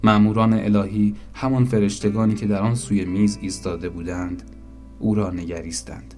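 A man narrating a story in a calm, even storytelling manner. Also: lowish voice, faint music behind.

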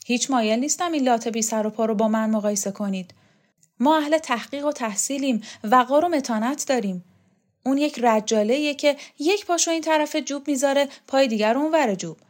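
A woman's voice: on the high side, hardly any pauses, pitched above the performer's own voice, lightly acted. A woman reading as a haughty, pompous man. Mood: indignant. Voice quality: haughty, formal. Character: pompous middle-aged man, proud scholar.

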